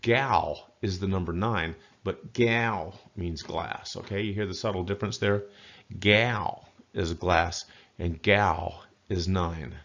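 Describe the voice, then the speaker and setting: A man giving a casual spoken language lesson, chatty and folksy, slowly repeating words to model pronunciation. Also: deep voice, steady tone, fairly bright tone, highs cut off. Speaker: language teacher.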